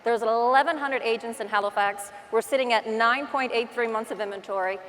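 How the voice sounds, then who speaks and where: A woman's voice: fairly high pitch, fairly quick, fairly bright tone, slight background noise. A woman with a Newfoundland accent giving an informal, self-deprecating motivational talk as a conference speaker, telling stories with acted-out asides. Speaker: real estate agent and conference speaker. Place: large indoor conference hall. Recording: long hall reverb from stage.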